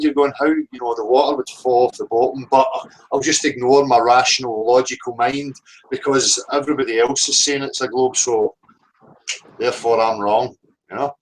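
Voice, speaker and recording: A man's voice: mid-range voice, poor audio. A man argues emphatically on a video call, repeating himself to drive his points home. Faint background noise sits behind his voice. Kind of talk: casual discussion on a video call.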